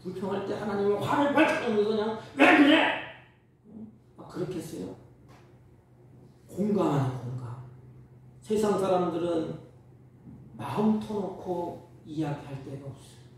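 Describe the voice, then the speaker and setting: Korean pastor preaching with big swings. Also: male voice, high-pitched, lively intonation, moderate pace, pauses often. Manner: emphatic preaching, swinging from loud exclamations to soft intimate asides. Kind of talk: sermon. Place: church sanctuary. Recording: echoey church sound from a distance with faint noise.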